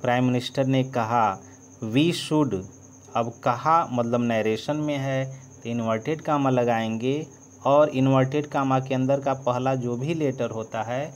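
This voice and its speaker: Slow-spoken male teacher. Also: medium pitch, a little hiss or hum. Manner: dictates letter by letter, trails off softly while writing. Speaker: English teacher. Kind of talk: slow board-writing lesson, spelling out words.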